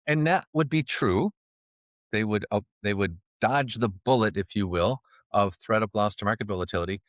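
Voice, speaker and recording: A man's voice: lowish voice, normal speed, dry recording, studio quality. A man, a financial advisor guest on a podcast, telling stories with jokes and laughing at his own lines. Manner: animated, jokey storyteller who laughs at his own lines. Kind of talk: storytelling podcast interview.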